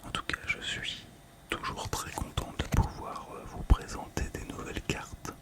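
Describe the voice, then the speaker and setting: Speaking in a hushed, breathy ASMR whisper, the male creator describes things gently and slowly, now and then sounding a little unsure.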